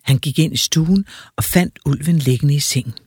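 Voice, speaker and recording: Breathy man reading a fairy tale. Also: on the high side, no room sound, studio quality. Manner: lively, expressive storytelling. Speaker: storyteller.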